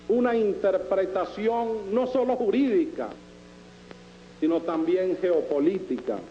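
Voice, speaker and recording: A man with a Venezuelan Caribbean Spanish accent giving formal political oratory in deliberate, rhetorical phrases with emphatic repetition. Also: high voice, dull audio, slight background noise. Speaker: political speaker presenting a constitutional proposal.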